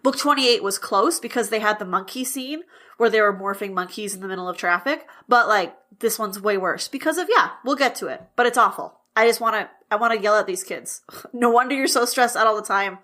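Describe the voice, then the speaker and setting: A woman's voice: mid-range voice, fairly quick, pushed and bright. A woman co-hosting a podcast, chatting casually about a book, blunt and exasperated, swearing freely. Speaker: podcast co-host. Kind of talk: casual book-discussion chat.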